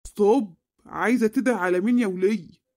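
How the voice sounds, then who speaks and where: A man's voice: high voice, fast talker, darkish tone, no echo. Zaghloul, a man voicing a scheming Egyptian hoarder. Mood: impatient. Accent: Egyptian Arabic. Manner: blustering, boastful, evasive. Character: scheming greedy Egyptian onion hoarder husband. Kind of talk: comic cartoon voice acting.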